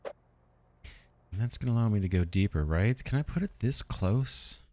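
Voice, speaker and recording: Low-voiced man musing through a game. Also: lively intonation, darkish tone, a little hiss or hum. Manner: musing, unhurried, asks himself questions. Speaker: let's play host. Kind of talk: thinking aloud while playing a strategy game.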